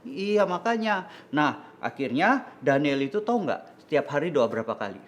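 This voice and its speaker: A man's voice: on the high side, moderate pace. A man with an Indonesian accent telling a Bible story to children as a kids church teacher. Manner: lively, patient, explaining.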